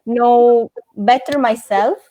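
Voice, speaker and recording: A woman's voice: fairly high pitch, takes it slowly, warm tone. A woman, answering interview questions thoughtfully and searching for words with many fillers and restarts. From Italy. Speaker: interviewee, former NGO volunteer.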